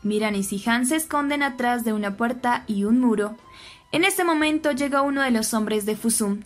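Woman doing a soap recap, kinda high voice, steady storytelling, soft music underneath. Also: moderate pace. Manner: steady storytelling, reads quoted dialogue with a slight lift. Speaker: narrator recapping a soap opera. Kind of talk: scripted recap narration. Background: faint background music.

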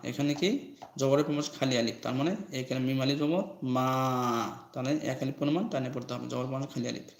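A man's voice: medium pitch, fairly even intonation, vocal fry, a little mellow. A man teaching Quran recitation, spelling the words letter by letter and explaining the rules in plain talk. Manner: recites verses in a slow drawn-out chant, then spells and explains in plain speech. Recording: echoey room.

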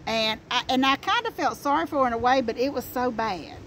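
A woman's voice: high voice, fairly quick, a bit bright. A middle-aged woman with an Appalachian accent chatting casually outdoors and telling stories in a folksy way, repeating phrases for emphasis. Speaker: co-host. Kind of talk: casual chat and storytelling. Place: outdoors in a wooded yard. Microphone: camera a few feet away. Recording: outdoor recording with ambient noise.

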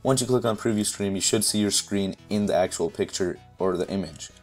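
A man with a hoarse, fading voice casually talking viewers step by step through a software setup at his computer mic. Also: fairly low pitch, a little fast, soft background music. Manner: relaxed, step-by-step, leans on "essentially" and "uh". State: hoarse, voice fading after losing it. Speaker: tutorial youtuber. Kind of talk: casual screen-recording tutorial.

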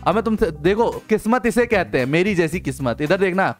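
A young man giving playful gameplay commentary, coaxing and teasing a game companion with quick repeated interjections. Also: high voice, animated, faint music behind. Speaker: gaming video host.

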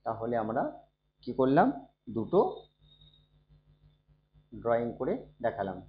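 A man who is unwell, teaching a computer lesson slowly and softly, often asking his students if they follow. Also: mid-range voice, lively intonation. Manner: slow, soft-spoken, checks in often with students. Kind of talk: screen-recorded computer lesson. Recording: dull, echoey room recording.

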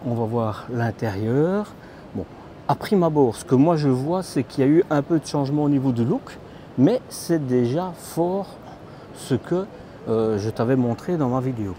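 A chatty man with a mellow, mid-range voice offers casual walkthrough commentary from inside vans in a large indoor trade show hall, as a camper van vlogger. He's informal, calls the viewer "tu," uses plenty of fillers, and there's slight background noise.

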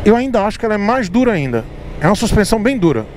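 A man's voice: high-pitched, sing-song, rapid-fire. A man riding a motorcycle through city traffic, explaining things to his viewers in a casual, repetitive way. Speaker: motovlogger. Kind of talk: casual motovlog talk while riding. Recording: loud street and engine noise. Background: traffic and engine noise.

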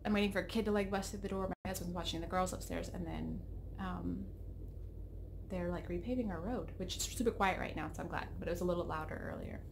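Speaking quickly in a lowish voice, this thirty-something knitting podcaster chats from her home craft room, rambling and cutting herself off, her throat a bit froggy. She's recorded on a desk webcam with slight background noise.

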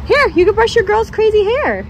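A young woman, a parent, unboxing toys with a toddler outdoors, talking in an animated, encouraging way with frequent gasps. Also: very high voice, fairly quick. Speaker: parent and channel host. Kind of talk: casual toy unboxing with a toddler. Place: outdoors on a gravel patio by a fence. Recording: outdoor traffic noise.

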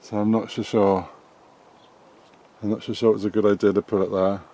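A middle-aged British man giving a casual, chatty tour of his allotment polytunnel while filming as he walks. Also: fairly low pitch. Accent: British English. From England. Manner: relaxed, chatty, unhurried. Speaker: allotment gardening vlogger. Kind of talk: casual garden tour narration. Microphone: handheld camera filming as he walks.

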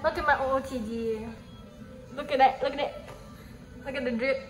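A young woman vlogging on a phone camera, giggly and excitable, swearing casually. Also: sits high, moderate pace. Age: young adult. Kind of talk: casual vlog chat. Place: large indoor bowling alley. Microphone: handheld phone camera. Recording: loud bowling alley with music and crowd. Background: loud music and crowd chatter.

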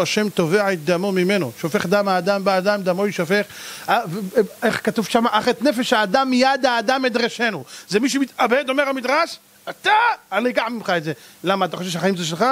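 High-voiced rabbi firing rhetorical questions. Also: male voice. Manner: animated, hammering rhetorical questions; blunt, scolding and mocking. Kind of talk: sermon to a live audience.

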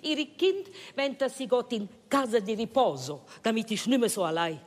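A woman's voice: a little high, animated, a little fast, close to an everyday voice. An older actress playing a bossy, nagging Italian housewife on stage, scolding emphatically with an Italian accent and broken grammar mixed with her native tongue. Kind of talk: stage comedy-drama acting. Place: indoor theatre stage. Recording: reverberant theatre stage, faint noise.

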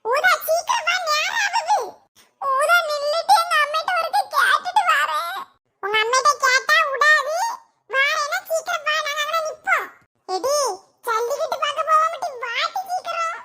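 A woman voicing a chatty village girl in a cartoon, talking in a lively, teasing way with laughter. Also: very high voice, moderate pace, full character voice.

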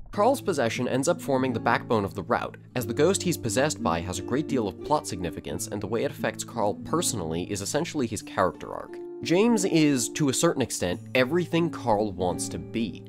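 A man delivers scripted review commentary in a wry, sarcastic manner. His pitch moves freely and expressively while sitting at a middle height. Guitar music plays clearly under his voice. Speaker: video essayist.

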